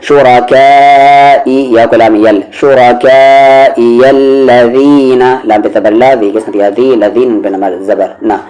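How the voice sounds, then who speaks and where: A man teaching recitation word by word, spelling out each syllable and then reciting the words slowly and drawn out. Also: on the low side, fairly even intonation, warm tone, dull audio. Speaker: Quran teacher.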